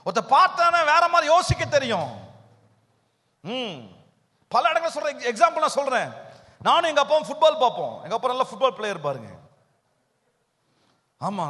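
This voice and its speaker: A man with a Tamil Nadu accent preaches to a youth gathering, his voice very high and bright. He keeps throwing questions at the listeners and bursts out loud now and then. The sound rings with a long reverb from a big hall. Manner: questions the crowd often, with sudden loud bursts. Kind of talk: sermon. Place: large hall at a hillside camp.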